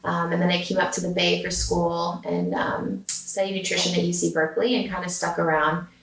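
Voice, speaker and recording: A food company founder from San Diego, California, chats casually as an interview guest, her talk full of "um" and "like." Her voice is fairly low and flat, a little fast, and the recording sounds roomy, with a distant mic.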